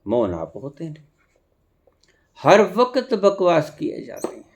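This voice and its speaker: A male spiritual teacher speaks. His delivery is slow and deliberate, with a lively, swooping pitch that jumps up for sudden emphasis. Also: vocal fry. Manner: slow, expressive preaching with sudden emphatic rises. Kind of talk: spiritual discourse.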